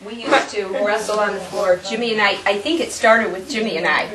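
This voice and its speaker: A woman, the officer's sister and a teacher, tells lively family stories, laughing and acting out quotes. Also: mid-range voice, fairly quick, a crowd in the background. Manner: animated, laughing storytelling with acted quotes. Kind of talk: family remembrance interview. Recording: roomy, distant mic with people murmuring.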